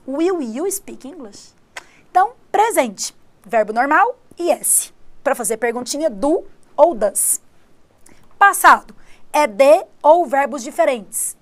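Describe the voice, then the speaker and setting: A woman English teacher whose first language is Portuguese, giving a lively live-streamed exam-prep lesson and saying English examples slowly. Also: high voice. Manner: lively, explains patiently, switches between Portuguese and slow English examples.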